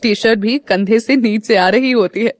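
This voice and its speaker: A woman narrating an audio story in a steady, even storytelling manner. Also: on the high side, normal speed, no echo, studio quality.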